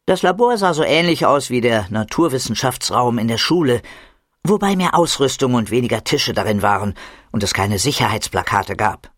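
Brief: expressive male narrator, first-person storybook reading, animated delivery, close dry recording. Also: medium pitch, normal speed, no room sound. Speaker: audiobook narrator.

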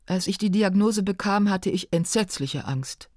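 A woman reading a first-person narration in a calm, measured, reflective way. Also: mid-range voice, dry recording, studio quality. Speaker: audiobook narrator.

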